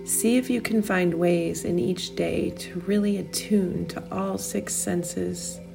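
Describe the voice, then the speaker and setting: A woman leading a guided meditation, giving soothing, unhurried instructions with long pauses. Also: fairly low pitch, fairly even intonation, vocal fry, over music.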